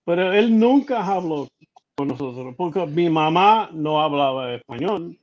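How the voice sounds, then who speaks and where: Slow-talking man on a dull lo-fi line. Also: a little high, expressive, darkish tone. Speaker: guest musician. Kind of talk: casual interview conversation. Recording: dull lo-fi audio.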